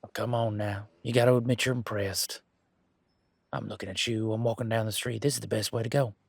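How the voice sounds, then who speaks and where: Man playing Gavin, gravelly low-voiced flirty werewolf. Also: fairly even intonation, fairly quick, no echo. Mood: playful, cocky. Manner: teasing, informal, conversational. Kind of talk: roleplay audio drama, one side of a dialogue.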